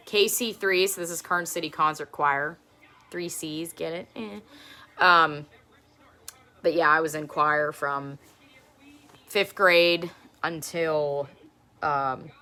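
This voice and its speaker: Laughing often, a woman in her thirties with a low speaking voice rambles casually while hosting a show and tell stream from home. Her tone stays steady and sharp. She talks a little slowly, with long pauses.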